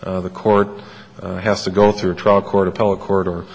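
A man giving a formal oral argument as an attorney, hesitant and halting, with very frequent ums and uhs. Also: low voice, flat delivery, gravelly, breathy edge. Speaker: attorney arguing an appeal. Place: large courtroom. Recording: reverberant courtroom.

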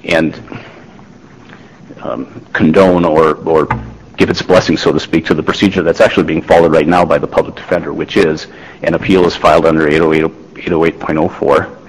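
A man, a lawyer, making a formal oral argument before a court, measured, with restarts and fillers. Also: extremely low pitch, little pitch movement, husky, in a large hall, poor audio. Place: large courtroom.

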